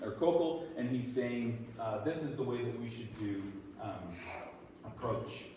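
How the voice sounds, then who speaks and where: A man's voice: mid-range voice, unhurried, a little hiss or hum. Chatty man teaching in an echoey room. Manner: energetic, chatty, often restarts phrases. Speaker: church class teacher. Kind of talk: informal classroom teaching. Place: church classroom.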